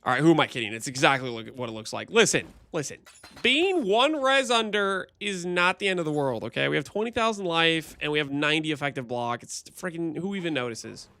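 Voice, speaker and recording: A man's voice: fairly high pitch, very animated, fairly quick, sharp tone. A man on a livestream headset mic, chatting and joking as he thinks aloud through gameplay commentary.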